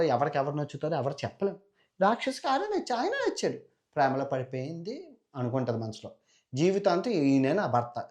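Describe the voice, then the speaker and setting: A man's voice: on the high side, a little mellow. A man retelling an epic tale in a chatty, dramatic way, adding sound effects and asides. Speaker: storyteller.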